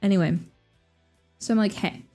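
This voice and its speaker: A young woman chatting casually on her stream, lively and squeaking high when she quotes people. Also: moderate pace. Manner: animated, jumps to high squeaky voices when quoting people. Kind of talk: casual chat. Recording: faint music behind.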